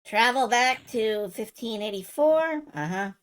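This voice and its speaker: A woman's voice: on the high side, animated, a little slow. A woman giving casual, dry and wry commentary as she plays a video game. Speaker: let's player.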